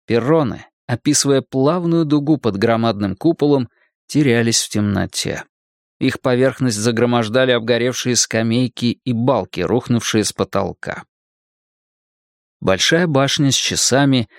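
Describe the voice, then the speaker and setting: Male audiobook narrator, measured and descriptive, dry studio read. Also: mid-range voice, no room sound. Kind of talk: scripted narration.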